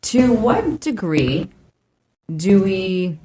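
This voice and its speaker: A woman's voice: mid-range voice, sing-song, very slow, reverberant, noisy background. A woman from Canada, a guest on a radio panel, talking through political points in a thoughtful, hedging way and laying them out one by one. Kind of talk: casual political discussion. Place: radio studio.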